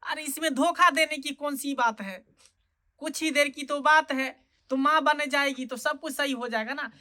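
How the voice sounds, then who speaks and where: Sketch: chuckling lecherous fake godman with a lilt, voiced by a woman, bright tone, higher than usual. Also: normal speed. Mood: coaxing. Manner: sly, wheedling, chuckles often. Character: sleazy lecherous fake holy man, male, middle-aged. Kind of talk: comic sketch acting.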